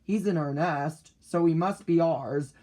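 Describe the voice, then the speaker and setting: A man reading the lines of a steady, dutiful father bird in a storybook, in a reassuring, matter-of-fact way. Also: fairly high pitch, measured pace, natural voice.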